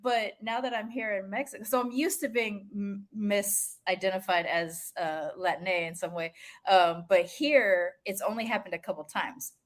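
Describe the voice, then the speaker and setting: A woman's voice: mid-range voice, normal speed. A woman from the United States hosting a podcast, telling stories in casual chat and laughing often. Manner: animated storytelling, laughs often. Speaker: podcast host.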